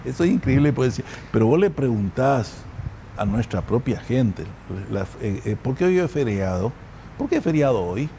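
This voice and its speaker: A man hosting a talk show, speaking in a casual, halting way with many fillers and restarts. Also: medium pitch, sing-song, mellow, slight background noise. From grew up partly in Argentina and Ecuador. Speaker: radio talk show host. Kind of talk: casual studio conversation.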